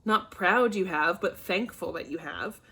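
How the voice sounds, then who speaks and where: A woman's voice: fairly low pitch, expressive, a little slow, sharp tone, husky, full character voice. Woman reading a pleading young girl.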